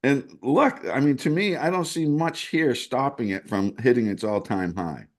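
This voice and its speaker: A man with a mid-range voice speaks at a moderate pace as a co-host and chart analyst on a laid-back crypto show. Working through charts on a shared screen, he thinks aloud and keeps restarting his sentences.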